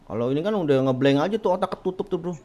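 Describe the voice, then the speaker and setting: A man's voice: fairly high pitch, expressive, racing, dark tone. A man hosting a casual chat, agreeing often and adding his own thoughts. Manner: agreeable, frequent murmured assents. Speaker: host.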